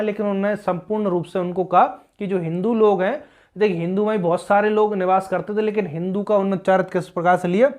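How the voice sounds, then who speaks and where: Male tutor, exam-prep grammar lesson; patient, explanatory, drills key points. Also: high voice. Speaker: teacher.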